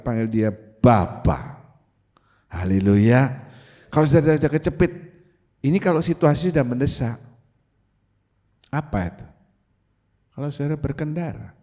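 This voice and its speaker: Animated male pastor shouting out cries. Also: medium pitch. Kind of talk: sermon. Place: church sanctuary.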